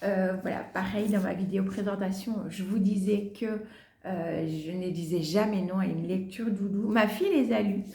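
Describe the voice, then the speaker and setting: A woman's voice: mid-range voice, fairly even intonation, normal speed, creaky, dark tone. A woman vlogging about books she wants to read, chatting casually, with many fillers and little asides as she holds books up to the camera. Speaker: book vlogger. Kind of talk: casual book haul chat. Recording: echoey room.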